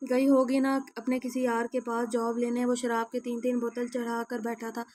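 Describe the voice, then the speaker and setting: A woman's voice: on the high side, monotone, darkish tone, dry recording, clean studio sound, natural voice. A woman doing a sneering drunk husband. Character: drunk, idle, accusing husband.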